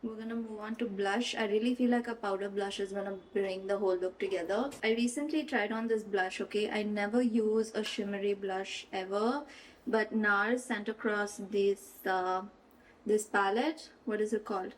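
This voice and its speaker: A woman's voice: medium pitch, steady tone, moderate pace, far from the mic, rough recording. A young woman vlogging as she does her makeup, chatting casually and giggling, slipping into a playful fake British accent, with rain and traffic outside. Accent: playful fake British accent mixed into her own. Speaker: beauty vlogger. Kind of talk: casual get-ready-with-me makeup chat.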